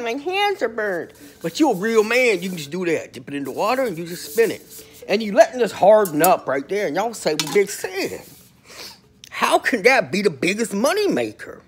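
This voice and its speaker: A man telling comic prison stories in a slangy, animated way, swinging between loud and soft. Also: sits high, breathy edge. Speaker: storyteller about prison life. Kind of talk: comedic storytelling monologue.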